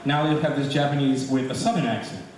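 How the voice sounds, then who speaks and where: Teasing the crowd during a chatty stand-up set at a comedy club, this Brooklyn, New York man talks fast in a mid-range, slightly mellow voice. The recording is an echoey, distant live club capture with audible crowd noise.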